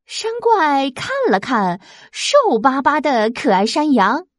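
A woman reading a children's storybook aloud, expressive and lively. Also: sits high, no room sound, clean studio sound. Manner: slow, lively, expressive, sound effects.

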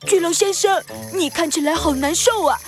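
A woman voicing a plucky, excitable little boy pig hero in a children's audio story, with an eager, childlike delivery. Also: very high-pitched, moderate pace, over music. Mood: earnest, brave.

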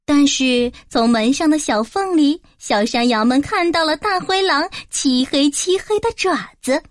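A woman's voice: high voice, expressive, unhurried, no room sound, clean studio sound. Woman reading a children's story.

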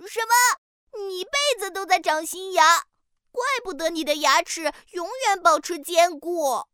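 A very high, bright, squealing little duckling, as a woman puts him on for a children's storybook, impulsive and quick to whine. He quacks between lines and exclaims at everything. The voice sits close and dry. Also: no echo, full character voice. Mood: astonished. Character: excitable little male duckling, impulsive and whiny.

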